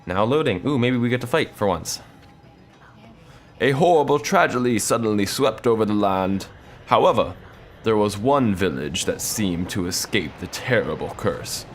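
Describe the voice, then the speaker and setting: A man's voice: fairly low pitch, expressive, moderate pace. A young man reading a video game's story aloud, with casual joking asides. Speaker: let's play narrator. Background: faint game music.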